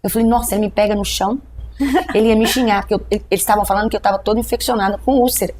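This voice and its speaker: Fast-talking Brazilian woman pastor. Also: medium pitch, a little hiss or hum. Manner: animated storytelling, acting out dialogue with a doctor. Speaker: pastor, guest telling her testimony. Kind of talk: testimony in a podcast interview.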